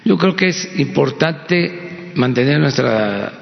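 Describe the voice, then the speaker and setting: Mexican man, president at a press conference, very slow halting delivery, gravelly voice, long hall reverb on a dull lo-fi recording. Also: medium pitch, lively intonation. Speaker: president answering press questions.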